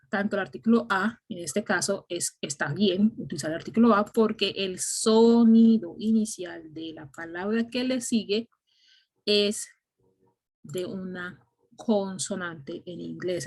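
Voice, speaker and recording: A woman's voice: mid-range voice, unhurried. A woman teaching an English grammar class, explaining patiently step by step and often checking in with "ok?".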